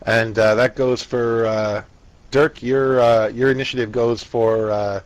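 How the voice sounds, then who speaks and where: A man acting as game master, narrating a tabletop fantasy game casually in a halting, improvised way. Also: mid-range voice, steady tone, no room sound.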